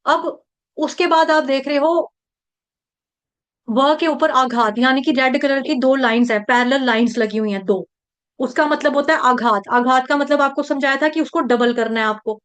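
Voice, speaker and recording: A woman from India teaching the recitation of a verse, slowly breaking words into syllables and repeating each one many times. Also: high-pitched, fairly bright tone. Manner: chants verse lines slowly. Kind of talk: patient pronunciation lesson, syllable by syllable.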